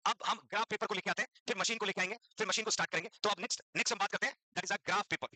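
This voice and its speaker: A man's voice: high voice, steady tone, very fast, sharp tone, no echo, poor audio. A man teaching a classroom lecture for nursing exam students, mixing English terms into his Hindi, repeating key points and quizzing the class.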